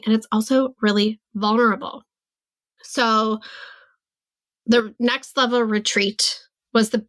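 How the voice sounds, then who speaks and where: A woman's voice: a little high, a bit bright. A woman in her forties hosting a solo podcast, talking candidly and reflectively about her business, often saying "like" and voicing her own thoughts as quotes. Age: 40s. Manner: reflective, candid, many "like" fillers. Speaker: podcast host and business coach. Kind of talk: casual solo podcast monologue.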